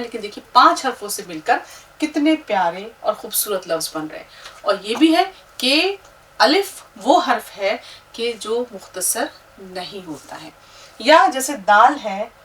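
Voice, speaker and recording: A woman teaching an Urdu lesson who spells out letters slowly and patiently, talking directly to her learners and asking them to repeat after her. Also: a little high, fairly bright tone, recorded from a distance, slight background noise, rough recording.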